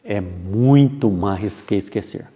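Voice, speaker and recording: A man giving a spiritist sermon as a lecturer, reflective and slow, asking rhetorical questions and acting out short dialogues. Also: lowish voice, dark tone. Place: spiritist center hall.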